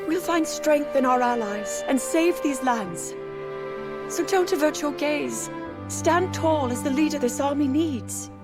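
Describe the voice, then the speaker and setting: Young game princess: high, measured, gentle yet resolute. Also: female voice, over music. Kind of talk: video game cutscene acting.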